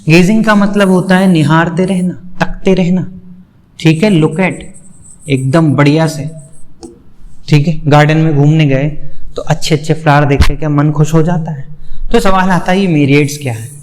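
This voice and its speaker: A man's voice: a little high, steady tone, measured pace, darkish tone, in a large hall. A man teaching a biology lecture for exam students, asking rhetorical questions and repeating the answers.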